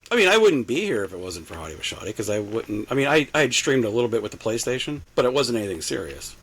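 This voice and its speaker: A man's voice: medium pitch, very animated, fast talker, fairly bright tone, slightly rough, rough recording. An older man chatting as a podcast guest, rambling with lots of fillers and restarts. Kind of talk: casual chat. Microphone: home mic set low.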